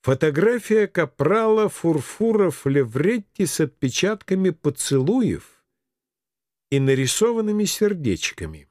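A man's voice: on the high side, sing-song, a little slow, a little mellow, dry recording, clean studio sound. A man narrating a first-person fiction audiobook in a wry, dryly ironic tone.

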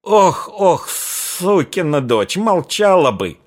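A man voicing a hot-tempered old Cossack father who yells and curses in a raised, strained voice. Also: high-pitched, sing-song, slow pace, pitched above the performer's own voice, exaggerated voice. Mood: furious. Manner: furious yelling, cursing.

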